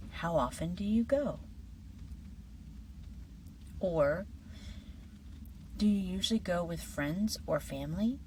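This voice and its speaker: Teaching English in a friendly, scripted manner, a woman speaks in a low, deep voice that is lively yet occasionally slips into breathy whispers. The microphone is distant, as she sits slightly back from it, and the poor audio carries faint background noise.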